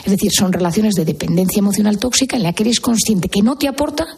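A woman's voice: medium pitch, fast talker, gravelly, a little mellow, slightly rough. A woman with a Spain Spanish accent, a psychiatrist guest on a radio show, explaining earnestly and posing example questions.

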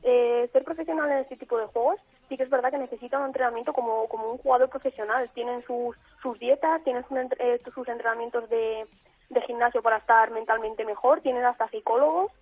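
A woman's voice: on the high side, fairly even intonation, fairly quick, husky. A woman from Spain, a guest gamer on a radio interview, explaining at length with frequent restarts over a phone line. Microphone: telephone.

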